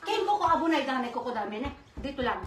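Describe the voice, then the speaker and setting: A mother hosting a live-stream giveaway, chatting casually and giving shout-outs to viewers as she reads their comments. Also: sits high, big pitch swings, quick pace, slight background noise. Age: adult mother. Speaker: livestream host running a giveaway.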